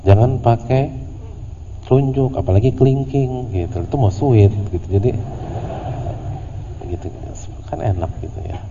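A man teaching a religious study class in a relaxed, conversational way, with humorous slang asides. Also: mid-range voice, moderate pace, long pauses. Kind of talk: casual religious study lecture. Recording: lo-fi audio in a reverberant hall with faint noise.

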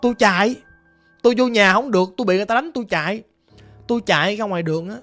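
A woman's voice: mid-range voice, very fast, fairly bright tone, faint music behind, natural voice. A woman with a Southern Vietnamese accent voicing the vengeful ghost of a young woman in a storytelling narration, talking in a plaintive, rambling way. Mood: frightened. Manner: plaintive, rambling, repeating herself.

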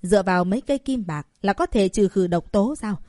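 A woman's voice: medium pitch, animated, fairly quick, dark tone, no echo, studio quality, natural voice. A woman voicing a scheming, condescending male chairman of a medical association. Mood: persuasive.

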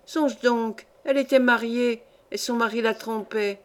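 A woman's voice: on the high side, fairly even intonation, a little slow, lightly acted. A woman reading a story aloud, voicing an earnest, romantic young girl who pleads with her grandmother. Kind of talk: audiobook reading.

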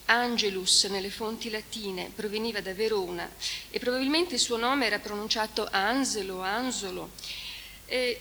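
Female academic speaker with a bright, crisp tone, reading at a lectern with careful pacing in a hall recording. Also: on the high side. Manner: measured, deliberate reading. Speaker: conference speaker. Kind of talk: academic lecture with read-aloud translation. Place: conference hall. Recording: echoey hall recording with hiss.

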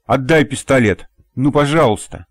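A man's voice: on the high side, big pitch swings, no room sound, studio quality, pitched above the performer's own voice. A male audiobook reader voicing a young woman who pleads and flares up, on the edge of tears. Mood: pleading, upset. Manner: pleading, tearful, quick to flare up. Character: young woman, emotional, stubborn daughter. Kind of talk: audiobook character voice.

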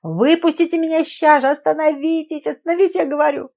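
A woman voicing a feisty middle-aged housewife turned amateur sleuth who speaks in an indignant, sharp-tongued way, in an audiobook. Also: medium pitch, lively intonation, a little fast. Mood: panicked shouting. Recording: dull lo-fi audiobook recording.

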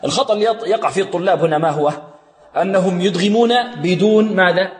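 A man teaching Quran recitation rules, quizzing his students and chanting verses slowly to show each rule. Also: high-pitched, roomy sound, big-room sound. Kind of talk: tajweed lesson with sung recitation.

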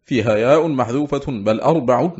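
A man's voice: mid-range voice, a little mellow, dull audio. Man reading a classical Arabic text. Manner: measured, formal classical Arabic delivery. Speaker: audiobook reader.

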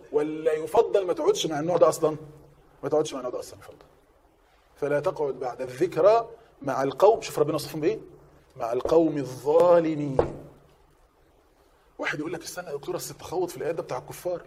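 A man with an Egyptian accent giving a Quran lesson in colloquial speech, lively and acting out objectors in quick asides. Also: a little high, breathy edge. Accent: Egyptian Arabic. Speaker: preacher.

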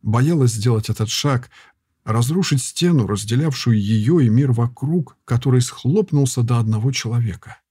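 A man narrating an audiobook in a measured, quiet, intimate manner. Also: medium pitch, slightly rough, no room sound, studio quality. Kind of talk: scripted narration.

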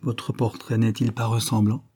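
A man's voice: lowish voice, flat delivery, normal speed, mellow, husky. A man voicing a vain, flighty eighteen-year-old schoolgirl who gushes and boasts. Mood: boastful. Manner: boastful, gushing, a little hysterical.

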